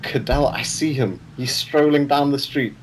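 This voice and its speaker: A man's voice: mid-range voice, normal speed, slight background noise, rough recording. A young man co-hosting a podcast, chatting casually in a laid-back, slangy way. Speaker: podcast co-host. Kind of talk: casual chat.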